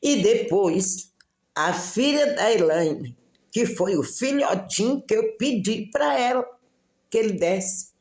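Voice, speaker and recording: A woman's voice: medium pitch, expressive, takes it slowly, a little mellow, roomy sound. A middle-aged woman giving a religious testimony in church, telling her story with feeling and acting out the dialogue.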